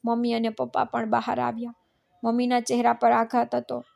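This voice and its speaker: A woman narrating a scripted family story in a flat, even reading. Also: a little high, a little fast, gravelly.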